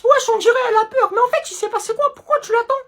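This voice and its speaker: A young man voicing an excitable teenage girl who eggs on a schoolyard quarrel. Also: very high voice, rapid-fire, voice pushed up. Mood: excited. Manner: squealing, egging on.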